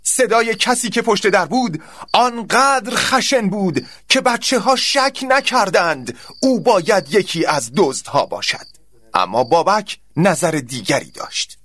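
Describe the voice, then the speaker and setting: A man narrating a scripted story in a dramatic, expressive way. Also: sits high, no room sound, clean studio sound.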